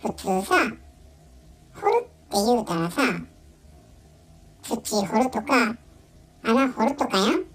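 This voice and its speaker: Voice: mid-range voice, expressive, slow, long pauses. Chatty Kansai chihuahua girl. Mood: grumbling. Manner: chatty, complaining, naive. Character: dim, sweet female chihuahua puzzled by dialect. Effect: talking-pet app voice changer. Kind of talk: comic pet voice-over.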